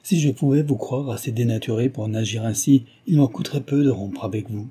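Young woman in an audiobook, read by a man, anxious, earnest, dark tone. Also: mid-range voice, fairly quick, husky, lightly acted.

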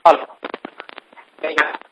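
A man calls into a conference call on a handset, and his audio is glitchy and keeps breaking up. The line is dull and muffled under heavy static. He talks haltingly, stopping to ask whether anyone can hear him. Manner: halting, repeats checks for connection. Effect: glitchy, breaking phone audio. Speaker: analyst caller. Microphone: phone handset. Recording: noisy dull phone line.

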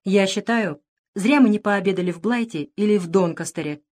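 A woman reading a storybook, voicing a pompous, indignant male monk with a hoarse voice. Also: mid-range voice, a little fast, darkish tone, natural voice. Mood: blustering. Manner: indignant, blustering.

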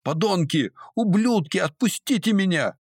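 A man's voice: low-pitched, expressive, normal speed, a bit bright, no room sound, clean studio sound. A man voicing a furious, defiant young woman held captive, who shrieks and hisses her threats. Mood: furious screaming. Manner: shrieking, hysterical.

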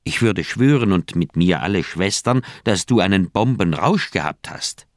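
An actor playing a flustered doctor in a radio play, fretful and exasperated. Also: male voice, low voice, expressive, normal speed, no room sound, clean studio sound. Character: anxious middle-aged male doctor, flustered friend.

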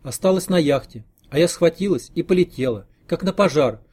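A man's voice: on the high side, expressive, a little fast, darkish tone, husky, pitched above the performer's own voice. A man reading an audiobook, voicing an anxious, devoted middle-aged wife in a raised, pleading voice. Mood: fretful.

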